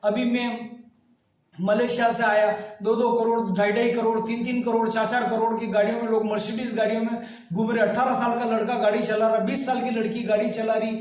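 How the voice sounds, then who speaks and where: A man giving a motivational talk, lively and direct, often acting out the complaints of the people he describes. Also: extremely high pitch, a little fast. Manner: lively, mimics complainers in quoted asides. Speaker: motivational speaker. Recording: very echoey, far from the mic.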